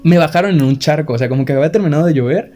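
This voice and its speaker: Fast-talking young Mexican man. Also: a little high, faint music behind. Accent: Mexican Spanish. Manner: animated storytelling with nervous laughs. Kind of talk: casual chat.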